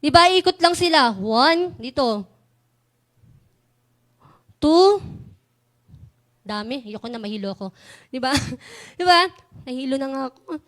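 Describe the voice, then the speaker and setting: A young woman giving a lively youth sermon, asking the crowd questions and laughing often. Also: high-pitched, measured pace, pauses often. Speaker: youth preacher.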